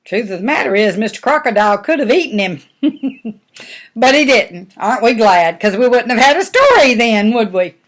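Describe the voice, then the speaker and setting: On the high side with big pitch swings, this woman's voice moves at a moderate pace. A grandmother reads a storybook to little children, breaking off for folksy, simple chatty asides about the tale.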